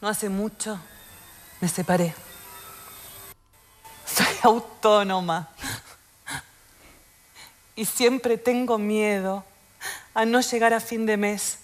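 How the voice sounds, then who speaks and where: A woman's voice: medium pitch, fairly even intonation, slow, long pauses, close to an everyday voice. An actress delivering a stage monologue as a lonely, anxious woman turning forty who mocks herself. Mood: weary. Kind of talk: theatre monologue recording.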